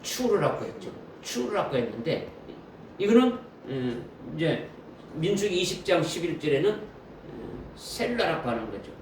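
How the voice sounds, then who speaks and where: Male pastor, sermon delivery, quizzes the congregation and repeats key lines; roomy sanctuary sound with faint hiss. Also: on the high side. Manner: asks the congregation questions and repeats key phrases. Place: church sanctuary. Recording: roomy echo from a distant mic with faint noise.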